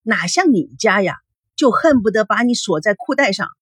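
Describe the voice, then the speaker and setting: A woman's voice: mid-range voice, lively intonation, normal speed, breathy edge, no echo, studio quality. A woman voicing a cocky, boastful rich young man. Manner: swaggering, boastful.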